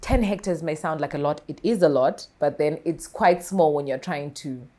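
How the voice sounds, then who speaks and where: A woman in her thirties, a guest on a studio interview, talking in an articulate, animated way with frequent laughs, recorded on a lapel mic. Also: low voice, moderate pace. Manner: articulate, animated with hand gestures, laughs often. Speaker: farmer and entrepreneur guest. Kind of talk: interview conversation. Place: small television studio set.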